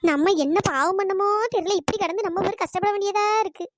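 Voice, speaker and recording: A performer voicing loud, teasing village women in a cartoon comedy, with shrill scolding calls. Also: fast talker, a little hiss or hum. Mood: worried. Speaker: cartoon characters.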